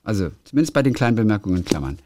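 A man's voice: on the low side, very animated, rapid-fire, background noise. A man on a casual podcast, reading bits of a book aloud and laughing often. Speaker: podcast co-host.

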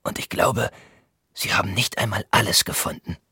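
A man doing a frail young student laid up with fever, his voice thin, breathy and hushed, as if talking from a sickbed. The tone is bright and edgy, and the sound is close and dry, with no room around it. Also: fairly low pitch, moderate pace, dry recording, exaggerated voice. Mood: ominous. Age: young adult. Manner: weak, half-whispered, uneasy. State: breathy and weak. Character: sickly feverish young male art student.

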